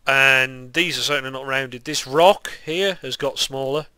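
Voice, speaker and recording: A man's voice: medium pitch, unhurried, sharp tone, clean tone, dry recording. A young man with a lisp and whistling s sounds, giving casual, rambling, self-deprecating game commentary. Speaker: gaming video maker.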